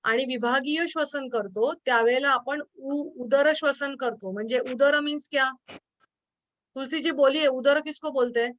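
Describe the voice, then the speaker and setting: A woman's voice: sits high, normal speed, a bit bright, no room sound. A woman with a Marathi accent giving a yoga class lecture, explaining step by step with many fillers and questions to her students. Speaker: yoga teacher.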